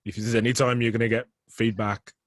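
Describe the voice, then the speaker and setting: Man, light Birmingham accent, low voice, dry close sound, laughs a lot, casual talk. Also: a little fast, no echo. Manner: laughs often, loose and animated, with many restarts. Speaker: poet guest. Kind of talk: casual conversation.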